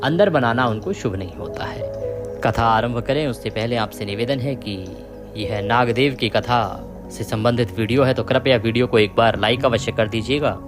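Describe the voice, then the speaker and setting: Reverent male devotional storyteller over music. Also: mid-range voice. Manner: measured, reverent, addresses devotees. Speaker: host of a devotional channel.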